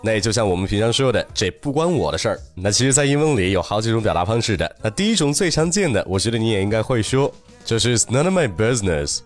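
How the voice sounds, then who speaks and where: A male English teacher talks fast, his pitch swinging up and down, and keeps asking the listener questions. He slows down sharply for each English example phrase. Faint music plays behind him. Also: lively intonation. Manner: switches into slow, careful English for example phrases; asks the listener rhetorical questions. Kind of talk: recorded language lesson.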